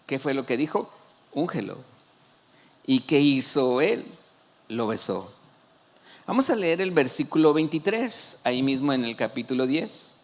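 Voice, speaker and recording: Man, Mexican Spanish accent, pastor, sermon, slow unhurried delivery, fairly high voice, animated. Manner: animated, acts out biblical quotes with excited shouts; colloquial, frequent restarts.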